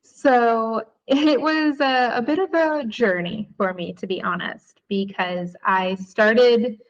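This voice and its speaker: A woman from the Chicago area, a guest author, speaks reflectively and warmly in a podcast interview, with occasional ums. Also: on the high side, takes it slowly, highs cut off. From United States, Chicago area.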